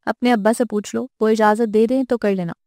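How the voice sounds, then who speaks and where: A woman's voice: fairly high pitch, fairly even intonation, mellow, dry recording, clean studio sound, close to an everyday voice. Woman voicing a fussing older mother. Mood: coaxing. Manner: fussing, coaxing. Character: older mother, anxious and scolding. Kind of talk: audiobook character voice.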